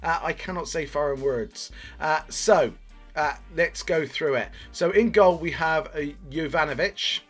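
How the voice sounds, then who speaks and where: Soft music plays behind a Bristol man with a local accent as he gives casual commentary for a gaming video. His fairly high, fairly bright voice is unhurried, and he rambles along, poking fun at himself and swearing a little.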